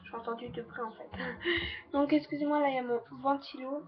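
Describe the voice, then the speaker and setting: High-voiced teen girl chatting about makeup. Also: fairly even intonation, fairly quick, muffled recording. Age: teens. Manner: chatty, repeats "donc voilà" and "trop, trop bien". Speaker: beauty vlogger. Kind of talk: casual makeup review. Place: bedroom with a fan running.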